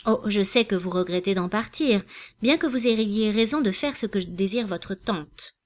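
A woman reading a composed gentleman from an audiobook novel, courteous and quietly proud. The speech is measured and formal, gently insistent, at an ordinary middle pitch. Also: expressive, lightly acted. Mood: earnest, polite.

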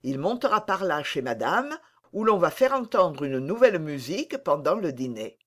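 A reader voicing a discreet, crafty manservant in an audiobook, low and confiding. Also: big pitch swings, moderate pace. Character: discreet, crafty male valet. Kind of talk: audiobook character reading.

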